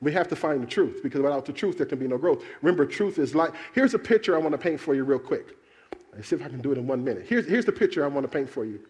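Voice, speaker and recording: Male preacher, sermon, high-pitched, lively intonation, call-and-response questions. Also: fast talker. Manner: animated, calls out questions to the congregation.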